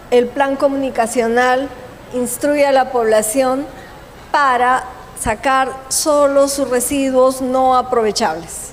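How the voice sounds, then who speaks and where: A woman with a fairly high voice speaks at a conference, explaining steadily and pausing to correct herself. Her voice carries a long hall reverb, with faint ambience behind it. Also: a little hiss or hum. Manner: measured, explanatory, with pauses and self-corrections. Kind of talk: conference presentation and Q&A answer.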